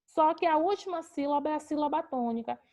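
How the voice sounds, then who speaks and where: A woman from Brazil, speaking a little fast in a slightly high, mellow voice, teaches an online grammar lesson. She poses a question on each rule, then answers it herself with patience. It sounds like a video call.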